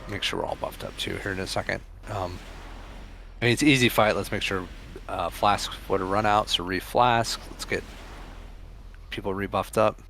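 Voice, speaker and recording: A man's voice: lowish voice, steady tone, normal speed, creaky, bright, forceful tone, slight background noise. A man leading a raid in an online game, giving casual callouts to his team over voice chat. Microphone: gaming voice chat microphone.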